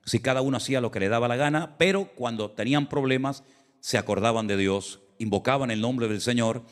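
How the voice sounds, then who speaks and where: Male pastor, mid-pitched voice, weighty scripture reading, long hall reverb. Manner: reads scripture aloud with slow, weighty emphasis, then explains it in plain speech. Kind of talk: sermon with Bible reading.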